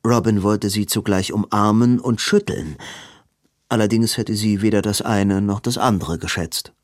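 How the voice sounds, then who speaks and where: A man with a lowish voice performs scripted audiobook narration of a novel, measured and even throughout. It's a dry, clean studio recording.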